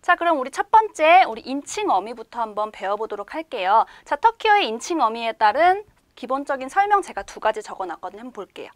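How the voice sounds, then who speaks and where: A woman's voice: high-pitched, dry recording. A woman giving an online language lecture, patiently explaining step by step and asking her students many questions. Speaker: language teacher.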